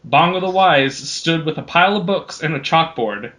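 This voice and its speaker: This is a podcast host telling his own amateur adventure story with energy and an informal feel. He speaks at a moderate pace in a slightly high, fairly bright, animated voice.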